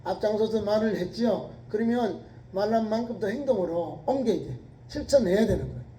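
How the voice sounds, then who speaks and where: A man's voice: high voice, a little fast, dark tone, slight background noise, poor audio. A middle-aged male pastor preaching a sermon in an earnest, exhorting way, often repeating key words for emphasis.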